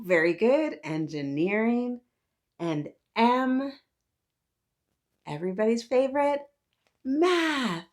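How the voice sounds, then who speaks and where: With a mid-range voice, a story-time host reads aloud to young children, addressing her small audience in a warm, teacher-like manner full of questions and praise.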